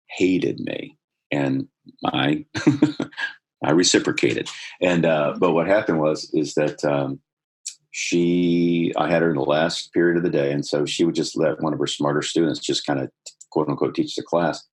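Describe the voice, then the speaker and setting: A man's voice: a bass voice, fairly even intonation, a little slow, slightly rough. A man, a podcast guest, earnestly telling a personal story and building energy as he goes.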